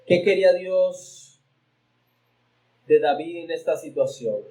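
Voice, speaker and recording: Pastor, male, high voice, emphatic sermon delivery with big pitch swings, repeats words mid-phrase. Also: slow, mellow, rough recording. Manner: preaching with emphatic pitch swings, reading scripture aloud; repeats words while searching for the next phrase.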